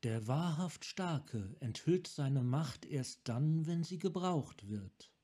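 A man voicing a calm, wise female monk who leads her clan, speaking softly and with measure, in a fan audiobook reading. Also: a little high, husky, exaggerated voice. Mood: serene. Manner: soft, measured.

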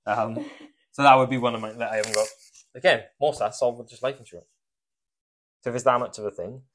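A man in his thirties rattles along at a quick clip in casual conversation. His talk is rambling and full of swearing. His pitch sits in the middle for a man. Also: steady tone, a bit bright. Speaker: podcast co-host. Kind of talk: casual chat.

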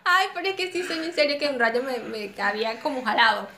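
A woman co-hosting a casual chat, telling animated stories and laughing often. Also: high voice, fast talker, slight background noise. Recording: roomy echo.

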